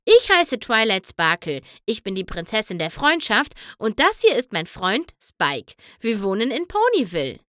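A woman's voice: medium pitch, wildly swooping pitch, moderate pace, few pauses, fairly bright tone, dry recording, studio quality. A woman voicing a cheerful young female pony princess who talks in a friendly, reassuring way.

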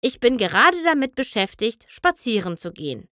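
A woman's voice: fairly high pitch, very animated, normal speed, sharp tone, no echo, studio quality. A woman voicing a busy, irritable young female pony in a storybook reading, speaking curtly. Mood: calm. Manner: curt, snappish, slightly raised voice.

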